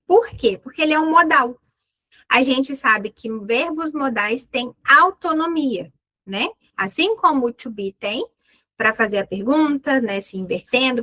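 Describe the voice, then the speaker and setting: A Brazilian woman teaches an online English lesson at a deliberately slow pace. Her voice is bright and clear. She comes through close and dry, with little room sound. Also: fairly high pitch, no echo, low-quality recording. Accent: Brazilian Portuguese. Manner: slow, patient explaining with drawn-out pronunciation drills.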